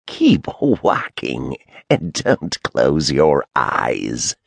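Male narrator doing a slow, cruel old crone shaman for an audiobook, husky and low. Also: huge pitch swings, dry recording, full character voice. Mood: stern. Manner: menacing, slow and drawn out.

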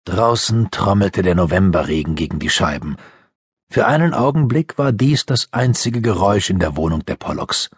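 A man reading a youth fantasy audiobook with lively storytelling. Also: low-pitched, normal speed, breathy edge, dry recording, studio quality. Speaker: audiobook narrator. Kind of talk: scripted narration.

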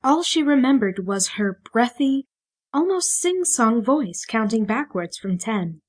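A woman narrating an audiobook in an even, measured storytelling voice. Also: on the high side. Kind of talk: scripted narration.

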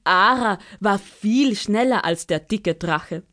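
Female storyteller for a children's audiobook, unhurried and calm, addressing young listeners directly. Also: mid-range voice. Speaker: author and narrator.

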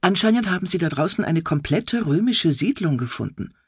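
A woman reading an audiobook, voicing a calm, unflustered young female office assistant. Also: lowish voice, fairly quick, breathy edge, dry recording, clean studio sound, exaggerated voice.

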